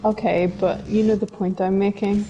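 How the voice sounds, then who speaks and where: Woman, mid-pitched, mellow tone, casual gaming co-commentary, music behind. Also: flat delivery, moderate pace, dull audio. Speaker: co-commentator watching a playthrough. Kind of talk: casual chat over gameplay.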